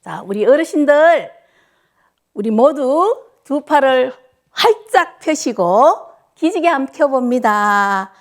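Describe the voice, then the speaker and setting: Woman exercise instructor, lively swooping voice, unhurried, shouts the counts. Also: sits high. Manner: cheerful, counts out loud with sharp shouts. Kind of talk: leading a clapping exercise class.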